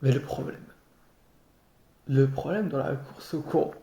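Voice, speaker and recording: A man improvising a theatrical tirade in a sardonic, mock-polite way, halting and repeating his words. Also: mid-range voice, warm tone. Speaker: amateur actor improvising a monologue. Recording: roomy echo, clearly noisy background, clicks.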